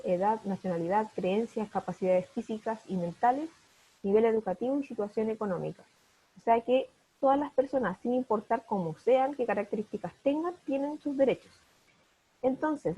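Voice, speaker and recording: A woman teacher leads an online class, patiently explaining each new word step by step. Her voice sits a little high, mellow and slightly husky. The video call audio is muffled and lo-fi. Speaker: primary school teacher.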